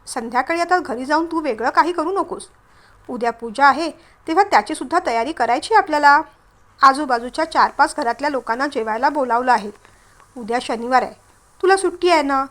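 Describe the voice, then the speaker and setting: A woman's voice: high-pitched, fairly quick, fairly bright tone. A woman reading a soothing, caring aunt. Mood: gentle. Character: caring middle-aged aunt, peacemaker of the house.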